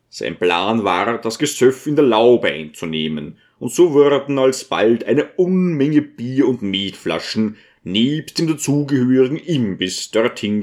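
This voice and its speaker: A man narrating a novel as an audiobook in an expressive storytelling manner. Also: medium pitch. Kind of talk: scripted narration.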